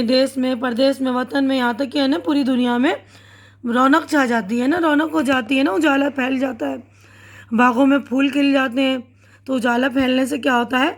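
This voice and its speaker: Woman, teacher, high voice, patient, line-by-line poem explanation. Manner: patient, repeats and asks "hai na"; reads poem lines slowly. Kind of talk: explaining an Urdu poem to children.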